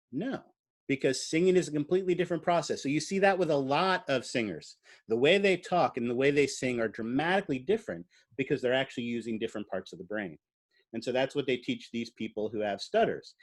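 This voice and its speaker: A male lecturer teaching a class in an easygoing, conversational way. He speaks at a middling pitch, uses frequent "uh"s and turns to the students with questions. He sounds like an ordinary classroom talk. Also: brisk. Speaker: biology lecturer.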